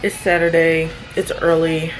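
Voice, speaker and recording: Sounding a little tired and yawning, a young single mom talks in an unhurried, low, relaxed voice about her weekend routine for a casual vlog. She is chatty and rambling, trailing off and laughing softly at herself, with music clearly audible beneath her.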